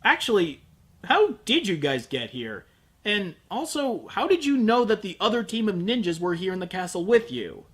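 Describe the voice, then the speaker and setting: High-pitched and sing-song, with a fairly bright, slightly rough tone, this anime review show host reads a scripted comedic review at normal speed. He's exasperated, sarcastic, and quick to curse.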